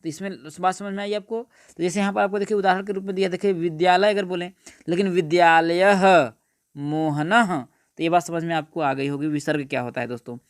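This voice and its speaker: A man's voice: high voice, steady tone, fast talker, smooth, dry recording, clean studio sound. A male teacher giving an exam-prep grammar lesson, repeating points and asking his friends rhetorical questions. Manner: repetitive, keeps asking "what is it, friends?".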